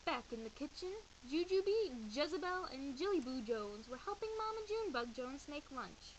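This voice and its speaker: High-pitched woman reading a bedtime story. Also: moderate pace, poor audio. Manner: animated, dramatic emphasis. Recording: faint hiss behind voice.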